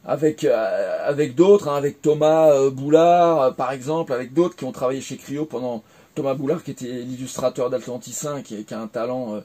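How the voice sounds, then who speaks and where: A French former game developer in his forties recounts his career in a casual interview, speaking fairly quickly in a warm, mid-range voice. He's hesitant, with many fillers and restarts.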